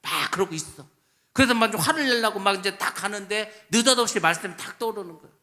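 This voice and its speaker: A pastor preaching a sermon, emphatic, asking rhetorical questions and answering them himself, swinging between loud stress and quiet asides in a church sanctuary. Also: male voice, high voice, animated, fast talker.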